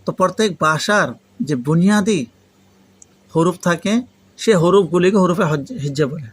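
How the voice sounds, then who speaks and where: An Arabic grammar teacher, a native Urdu speaker with a Pakistani accent and a fairly high voice, runs an interactive lesson in a foreign learner's Bengali sprinkled with Urdu phrases. He explains step by step, repeats key points and keeps prompting students with questions. His intonation is lively, his speed normal, his voice slightly rough, and there's no room sound.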